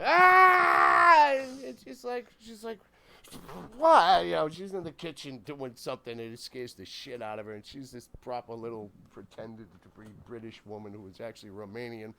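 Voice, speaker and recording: A middle-aged man casually telling a wild childhood story, swearing constantly and shouting out the lines of the people in it. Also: medium pitch, a little hiss or hum. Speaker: podcast guest.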